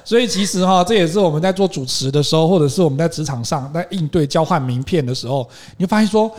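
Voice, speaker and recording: A male host with a Taiwanese Mandarin accent and a fairly high voice. He speaks very quickly in a casual, animated storytelling style, slipping English words into his talk. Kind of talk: casual podcast chat.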